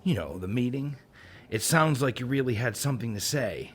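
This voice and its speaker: A man's voice: mid-range voice, lively intonation, normal speed, lightly acted. A man playing War, a scheming horseman of the apocalypse, blunt and prodding, in a naturalistic radio comedy. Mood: insinuating.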